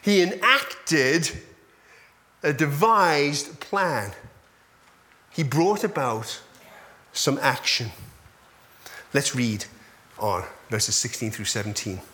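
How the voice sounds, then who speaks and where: A man preaching a sermon. He repeats phrases for stress and lets his voice drop low at the ends of lines. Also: animated, extremely slow, pauses often, sharp tone. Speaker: pastor.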